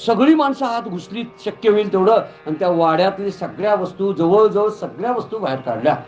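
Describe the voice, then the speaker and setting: A man preaching a devotional story sermon in a temple, animated and full of rhetorical questions. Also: sits high, a little fast, muffled recording, faint music behind. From Kolhapur, Maharashtra. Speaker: Bhagavat katha preacher. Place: temple gathering.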